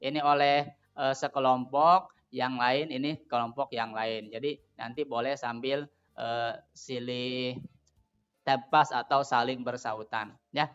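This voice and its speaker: A middle-aged man with a Sundanese accent, teaching a primary class in a recorded lesson and explaining a children's game slowly and patiently. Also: mid-range voice, steady tone, a bit bright, smooth, highs cut off. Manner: explains slowly, switching between two languages, sings a children's song.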